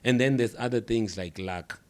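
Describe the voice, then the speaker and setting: A middle-aged man from South Africa with a South African accent, a podcast guest speaking in a measured, reflective way who drives points home by repeating phrases. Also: mid-range voice, smooth. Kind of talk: reflective interview talk.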